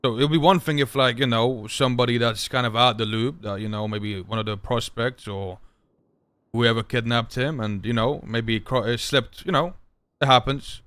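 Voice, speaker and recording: A man's voice: mid-range voice, normal speed, a bit bright, clean tone, dry recording. A man in an improvised crime game role-play, questioning in a confrontational, pressing way. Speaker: role-player as a gang business partner.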